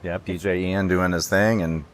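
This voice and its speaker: A man co-hosting a podcast in casual chat on a resort veranda, upbeat and effusive, a little rough after a long weekend. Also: sits low, little pitch movement, normal speed. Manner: upbeat, effusive, lots of agreeing murmurs. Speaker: podcast co-host.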